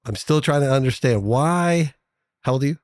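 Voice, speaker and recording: A man's voice: medium pitch, lively intonation, moderate pace, a little mellow, no echo, clean studio sound. A man hosting a podcast interview, enthusiastic and prone to stammering restarts. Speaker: podcast host. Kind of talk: casual interview chat. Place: recording studio.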